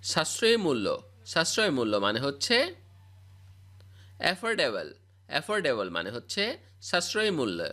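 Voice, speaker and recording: Bright, lively male teacher. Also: on the high side, normal speed, pauses often. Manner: repetitive word-and-meaning recital. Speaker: spoken English teacher. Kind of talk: scripted vocabulary drill.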